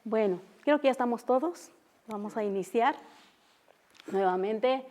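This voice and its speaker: Slow, halting woman teaching a class. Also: fairly high pitch, a little mellow. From Oaxaca, Mexico. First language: Mixtec. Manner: slow and halting, many fillers, repeats tone examples. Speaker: language teacher. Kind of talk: unscripted classroom lesson. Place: university auditorium.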